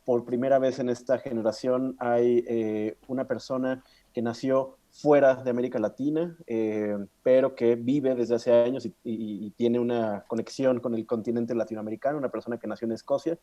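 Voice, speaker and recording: A courteous man hosts an online learning session with a mellow, relaxed voice. He speaks over a video call, pausing and hesitating a little as he introduces people. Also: mid-range voice, dull audio. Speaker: session moderator.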